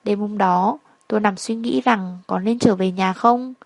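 A woman narrates a sorrowful first-person story in a reflective, unhurried way. Her voice sits at a middle pitch. The recording is dry and close, with no room sound. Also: creaky, no room sound.

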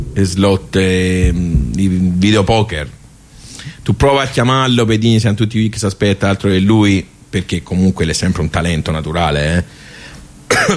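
In a theatrical radio monologue, a talkative Tuscan man who frequents the local social club rambles in a low voice and homely, colloquial Tuscan Italian. Wry, rueful, and chatty, he poses questions and answers them himself.

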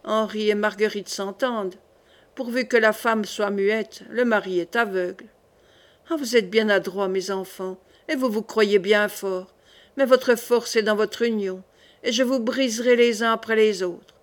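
A woman's voice: mid-range voice, fairly even intonation, a little slow, close to an everyday voice. A woman voicing a cold, commanding queen mother in an audiobook reading. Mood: scheming.

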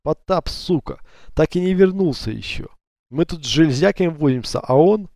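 A man's voice: mid-range voice, animated, moderate pace, dark tone, no room sound, studio quality, close to an everyday voice. A man voicing Chelim, a spiteful, irritable bandit who mocks and curses his partners in an audiobook. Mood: annoyed. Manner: scornful, curses.

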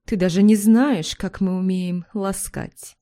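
A woman doing a coaxing, smooth-talking man. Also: medium pitch, steady tone, measured pace, dark tone, close to an everyday voice. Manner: coaxing, wheedling.

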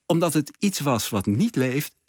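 A man's voice: fairly high pitch, very animated, a little slow, darkish tone, slightly rough, dry recording, clean studio sound. A man guest in a radio interview, explaining with enthusiasm and plenty of fillers. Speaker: exhibition curator, guest. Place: radio studio.

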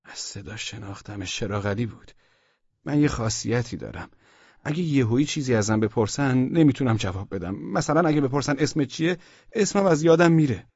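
A man narrates a first-person audiobook in a relaxed, colloquial storytelling manner, as if talking to a friend. His voice sits at an ordinary middle pitch, recorded on a close mic. The sound is bone-dry and slightly dull and lo-fi. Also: husky, no room sound.

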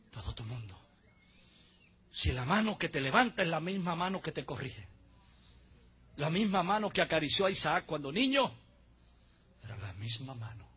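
Husky high-voiced man preaching dramatically. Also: lo-fi sound. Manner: dramatic preaching, swinging from hushed to shouted. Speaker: pastor. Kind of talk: sermon. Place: church. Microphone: handheld mic.

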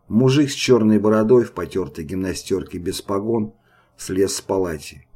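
A man narrating an audiobook in a steady, grave manner. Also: sits low, moderate pace. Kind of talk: scripted narration.

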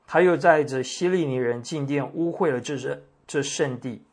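A man preaching a sermon, reading scripture in a measured, deliberate way with pauses. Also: mid-range voice. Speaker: pastor. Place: church meeting room.

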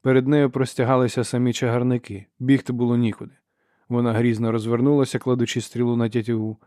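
A man reading a novel aloud as an audiobook narrator, in steady, measured storytelling. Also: medium pitch, no echo, clean studio sound. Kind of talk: scripted narration.

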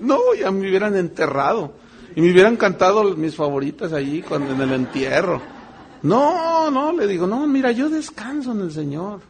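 Animated gravelly pastor. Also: male voice, high voice. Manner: animated, joking, acts out quoted voices. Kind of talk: sermon.

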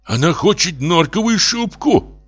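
A man voicing a drunk, distraught middle-aged professor who pleads in high, drawn-out wails. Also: sing-song, a bit bright, breathy edge, heavily acted. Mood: pleading.

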